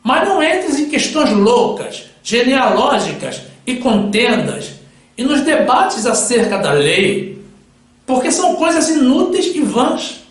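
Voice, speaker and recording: A man's voice: very high-pitched, sing-song, slow. A male preacher delivering a solemn sermon with Bible readings, addressing his listeners as brothers. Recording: very echoey room.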